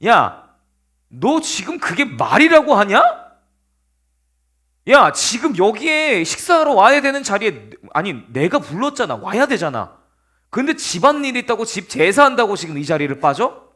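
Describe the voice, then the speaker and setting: A man voicing a furious, jealous old king who yells insults and threats in a sermon retelling. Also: medium pitch, very animated, a little fast, voice pushed down. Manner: yelling, insulting, menacing.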